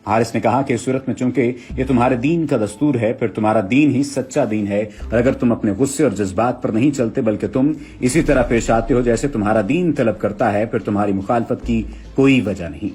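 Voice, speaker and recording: Husky man in formal narration. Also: mid-range voice, a little fast, hardly any pauses, soft background music. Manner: formal, steady storytelling. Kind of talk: scripted narration.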